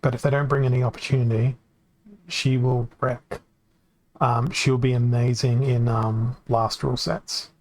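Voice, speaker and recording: Gravelly man rambling through a game stream. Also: mid-range voice, level tone, a little slow, darkish tone. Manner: rambling, thinking aloud, self-correcting. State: voice getting worn from long talking. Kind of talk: casual game stream commentary. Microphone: desk microphone.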